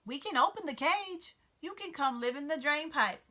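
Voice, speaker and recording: Whiny little storybook mouse guy, fussy and sentimental, a lady doing the voice, higher and louder than her narrating, bright tone. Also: expressive, moderate pace. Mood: pleading. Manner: whiny, pitiful, dramatic pleading. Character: anxious, fussy, sentimental male mouse, a penny-saver. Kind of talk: storybook read-aloud character voice.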